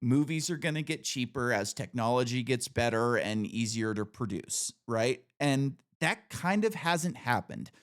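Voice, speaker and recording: A man's voice: mid-range voice, lively intonation, unhurried, few pauses. A man in his thirties hosting a casual podcast conversation, chatty and opinionated, leaning on "like" and "you know". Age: 30s. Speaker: podcast host.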